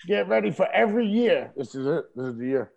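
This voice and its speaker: A man's voice: sits high, very animated, quick pace, creaky, darkish tone, muffled recording. A man talking casually over a video call in a streetwise, emphatic way, often asking "you know what I mean?". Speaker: interview guest, wrestler.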